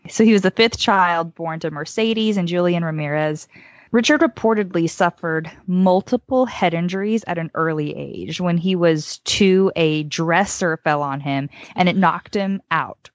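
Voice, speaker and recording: Low-voiced woman telling true crime, dull dry recording. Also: moderate pace, dry recording. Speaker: podcast co-host. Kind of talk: true-crime storytelling from notes. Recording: dull lo-fi dry close audio.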